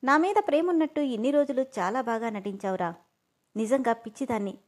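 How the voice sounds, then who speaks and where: A hurt young woman who pleads and weeps, as a woman reading a story voices her. Her fairly high voice stays soft and broken. She sounds like a heroine in a spoken audio story. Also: a little fast, natural voice. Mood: tearful. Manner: pleading, tearful.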